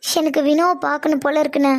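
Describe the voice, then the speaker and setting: Woman playing a brooding teen village girl, very high voice, quick lines, cartoon. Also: steady tone. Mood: wistful. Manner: brooding, sulky, talks back. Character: moody teenage village girl, lovesick. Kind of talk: cartoon voice acting.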